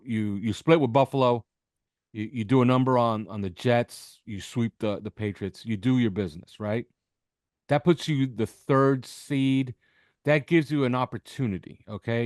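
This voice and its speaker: In clean, echo-free studio audio, a man with a mid-range, slightly mellow voice delivers off-the-cuff football analysis for a podcast. He makes emphatic points and pauses to check in with short questions.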